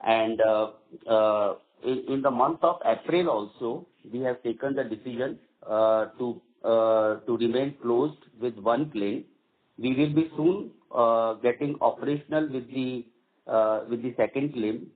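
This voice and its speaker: A man with an Indian accent and a mid-range voice answers questions as a company executive on an earnings call. He halts and repeats phrases as he speaks. The conference call audio is dull and lo-fi.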